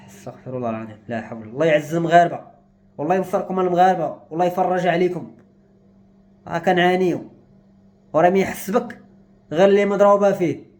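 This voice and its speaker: A man's voice: high-pitched, fast, long pauses, a little mellow. A young man with a Moroccan Arabic accent, speaking to camera in an agitated, despairing rant. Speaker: vlogger. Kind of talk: emotional monologue to camera.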